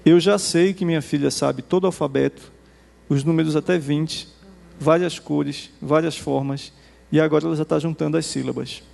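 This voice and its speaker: A Brazilian Portuguese-accented man giving a conversational conference presentation to teachers. He demos software and tags nearly every phrase with a quick "né?". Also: fairly high pitch, steady tone, vocal fry. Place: conference hall. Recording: reverberant hall.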